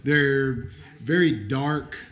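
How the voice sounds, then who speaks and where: A man's voice: medium pitch, extremely slow, a bit bright. A man with an Appalachian hillbilly accent hosting a livestream, explaining things casually in a folksy, somewhat hesitant way. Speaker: livestream host. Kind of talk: casual live explanation to viewers.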